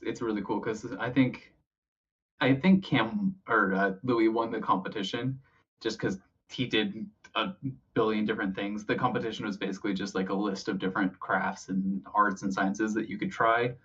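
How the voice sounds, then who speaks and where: A man's voice: fairly low pitch, fairly even intonation, moderate pace, fairly bright tone, breathy edge, distant mic, highs cut off. A man chatting casually as an interview guest, informal and rambling, often feeling his way through a thought. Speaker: interview guest, hobby club officer.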